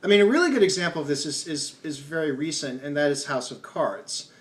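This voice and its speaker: A man giving a casual spoken film commentary, rambling, restarting his sentences, and trailing off into low mumbles at the ends of phrases. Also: expressive, fairly quick. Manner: rambling, with many restarts and ums. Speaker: film review vlogger.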